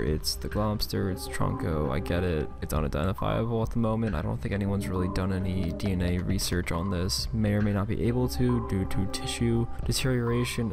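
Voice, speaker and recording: A man's voice: lowish voice, vocal fry. A man hosting an online channel, talking casually and rambling through his commentary. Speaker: YouTube channel host. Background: background music.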